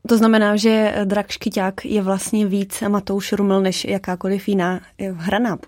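A woman's voice: mid-range voice, little pitch movement, a little mellow. A woman co-hosting an interview, speaking thoughtfully and checking her understanding. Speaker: co-host. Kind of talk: interview chat.

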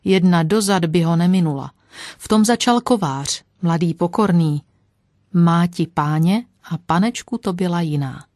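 A woman narrating a story aloud as an audiobook, with a gentle, lively manner. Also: lowish voice, no echo, clean studio sound.

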